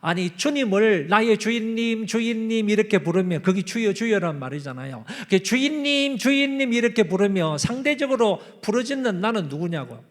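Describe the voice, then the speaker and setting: A man preaching at a church revival service, emphatic, with loud repeated calls to the congregation. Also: sits high, lively intonation, a little fast, few pauses. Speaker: pastor. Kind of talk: revival sermon.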